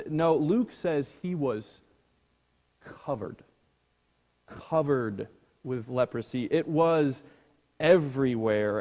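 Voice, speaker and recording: A man preaching a sermon as a pastor, slow and hushed, sinking almost to a whisper on key words. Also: medium pitch, big-room sound. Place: church sanctuary.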